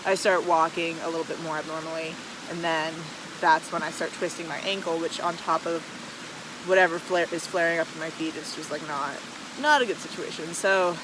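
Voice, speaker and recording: Beside a rushing waterfall, an American long-distance hiker records a casual, rambling video diary, hesitating and saying "like" a lot. Her mid-range voice competes with loud water noise in the background.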